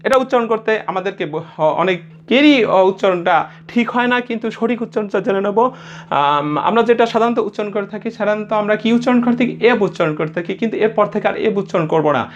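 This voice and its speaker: High-voiced Bangladeshi man teaching letter sounds. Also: quick pace, lo-fi sound, slight background noise. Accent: Bangladeshi Bengali. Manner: patient, repeats each sound three or four times. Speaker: English pronunciation teacher. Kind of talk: spoken lesson, repeating each letter sound.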